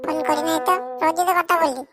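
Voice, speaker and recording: A woman doing a snippy girlfriend in a comedy skit, very high voice, brushes him off, quick scolding comebacks. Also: over loud music. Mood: irritated. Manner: brusque, scolding, rapid retorts. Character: impatient young girlfriend, snappy and dismissive. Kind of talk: comedy sketch acting.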